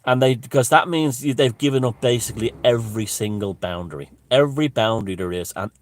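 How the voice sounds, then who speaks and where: A man's voice: medium pitch, fast. An Irish man giving an unscripted, opinionated monologue, speaking emphatically with swearing and broken restarts. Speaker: commentator.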